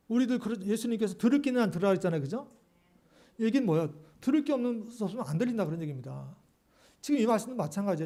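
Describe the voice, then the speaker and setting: A man's voice: high-pitched, dark tone. A male pastor preaching a sermon, speaking animatedly to the congregation and often asking rhetorical questions.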